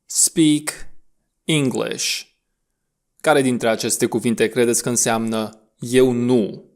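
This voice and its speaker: Guy teaching english sounds, steady middle voice, brisk instructions then slow careful repeats. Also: mid-range voice. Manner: slow, drawn-out model words between brisk instructions. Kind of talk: audio language lesson.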